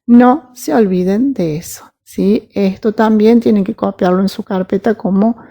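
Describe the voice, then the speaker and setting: A woman teaching English grammar, patiently checking that her students follow and spelling out examples slowly. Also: medium pitch, warm tone. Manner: patient, checks understanding with frequent "¿sí?" and "¿mm?". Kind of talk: recorded grammar lesson.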